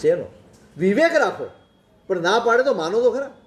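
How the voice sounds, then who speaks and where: A man preaches a sermon in a notably high voice, working through anecdotes and pointed rhetorical questions. His voice rings with the echo of a reverberant room. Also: big pitch swings, moderate pace, a little hiss or hum. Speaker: Jain monk preacher. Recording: roomy echoing recording.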